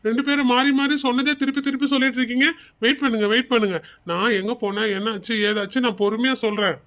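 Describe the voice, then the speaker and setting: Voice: medium pitch, steady tone, fast talker, fairly bright tone, lightly acted. A performer voicing a playful young husband in a cartoon, teasing his family before the big news. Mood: calming. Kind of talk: cartoon voice acting.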